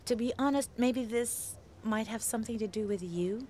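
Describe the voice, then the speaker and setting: A woman's voice: a little high, moderate pace, dark tone, a little hiss or hum, lightly acted. A woman playing a frank, earnest colleague. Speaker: dub actor. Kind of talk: drama dub.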